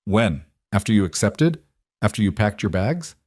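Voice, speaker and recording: A man voicing a betrayed single father in a quarrel, hollow and bitter, his voice turning sharp and accusing. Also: lowish voice, big pitch swings, normal speed, breathy edge, dry recording, clean studio sound.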